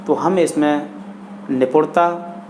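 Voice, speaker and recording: A man gives an English grammar lesson in Hindi at a slow, unhurried pace. He repeats each example sentence carefully. A faint steady noise sits under the recording. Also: on the high side. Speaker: English teacher.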